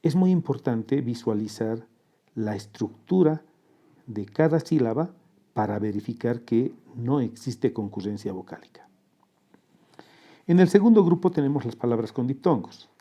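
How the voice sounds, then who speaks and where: Measured, methodical man teaching a lesson. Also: mid-range voice, lively intonation, dark tone. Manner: measured, methodical, breaks words into parts. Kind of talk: scripted lesson narration.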